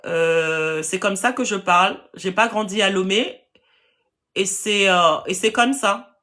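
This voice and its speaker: A woman's voice: medium pitch, a little slow, pushed and bright. A woman with a Parisian French accent, hosting a live stream to sell land and answering viewer comments in a direct, firm way. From France.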